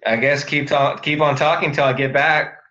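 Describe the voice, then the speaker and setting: A man's voice: mid-range voice, fairly even intonation, normal speed, pushed and bright. A man hosting a casual chat over a video call, his audio freezing and cutting in and out as he asks questions. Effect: glitchy video call audio cutting in and out. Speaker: host. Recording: dull lo-fi internet call audio.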